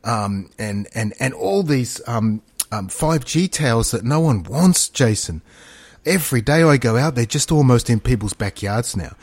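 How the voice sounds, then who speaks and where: A man's voice: mid-range voice, lively intonation, a little slow, a little mellow, no room sound. A man in casual, opinionated podcast talk, rambling, emphatic and matey, often repeating himself. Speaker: podcast co-host.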